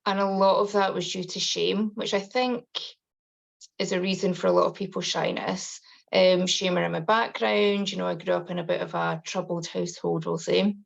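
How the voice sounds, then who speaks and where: A woman in her forties with a Highland Scottish accent, telling her own story casually as an interview guest. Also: vocal fry, muffled recording. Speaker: podcast guest, confidence coach.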